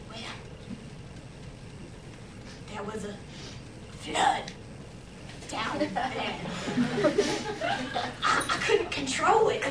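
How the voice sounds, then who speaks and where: In a heavily acted stage monologue, a woman plays a flustered, high-voiced old lady who reluctantly and with embarrassment recalls her youth, speaking haltingly and bluntly. The recording comes from a camera at the back of the performance room, distant and noisy with hall reverb.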